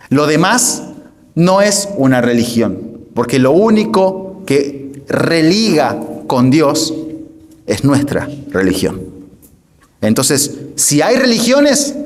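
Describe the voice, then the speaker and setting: A pastor giving a teaching lecture to a congregation, emphatic, repeating phrases and often asking the room whether they follow. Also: male voice, mid-range voice. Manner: asks the audience frequent checking questions.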